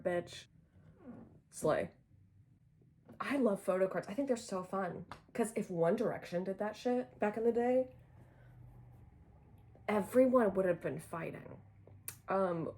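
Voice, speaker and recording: A young woman vlogging casually about her day, with a husky voice, relaxed and slangy, sometimes dropping to a whisper. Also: lowish voice. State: husky from headaches. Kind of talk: casual vlog chat.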